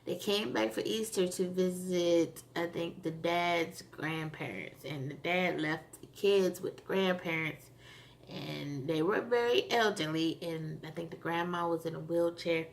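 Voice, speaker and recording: Gravelly low-voiced woman recapping a show. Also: unhurried. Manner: rambling, chatty, with frequent fillers. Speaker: TV episode reviewer. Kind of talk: casual recap vlog.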